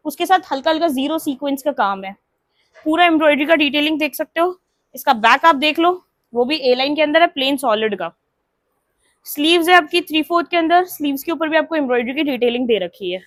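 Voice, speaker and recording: A woman's voice: sits high, a bit bright, no echo. A woman showing and selling women's suits in a chatty sales talk, mixing English words into her speech. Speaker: clothing seller. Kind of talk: product showcase sales talk.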